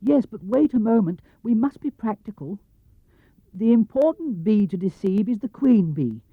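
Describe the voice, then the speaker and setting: A man voicing an earnest, naive toy bear who plots in slow, deliberate phrases for a storybook reading. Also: high-pitched, sing-song, husky, no echo, pitched above the performer's own voice, heavily acted. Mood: earnest, scheming. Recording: muffled vintage cassette or LP sound.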